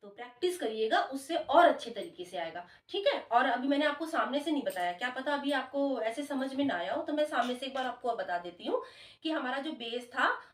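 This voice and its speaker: High-voiced Hindi dholak teacher. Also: female voice, animated, brisk. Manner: counts beats aloud while playing; warm, encouraging, coaxing. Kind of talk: friendly music lesson. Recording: roomy, distant, dull sound with dholak drumming.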